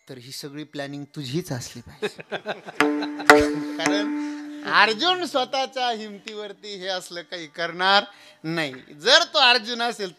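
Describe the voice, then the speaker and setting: A young man preaching a devotional kirtan sermon, telling stories animatedly and swinging between hushed asides and loud sung lines. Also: a little high. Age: young adult.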